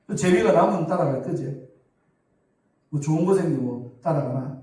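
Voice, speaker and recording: A middle-aged pastor with a Gyeongsang accent, preaching a sermon in a conversational storytelling way and acting out quoted dialogue. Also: male voice, on the high side, moderate pace, warm tone, distant mic. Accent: Gyeongsang Korean. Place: church sanctuary. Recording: echoey church hall from afar.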